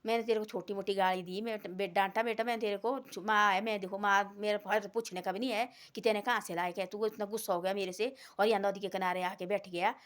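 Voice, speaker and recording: A woman's voice: medium pitch, steady tone, fast, few pauses, close to an everyday voice. A woman voicing a worried, scolding village mother in a devotional story. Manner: scolding then pleading.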